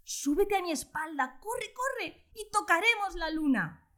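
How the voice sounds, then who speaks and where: A woman voicing an excited little farm duck in a children's story, urging the others on. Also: extremely high pitch, measured pace, pitched above the performer's own voice, exaggerated voice.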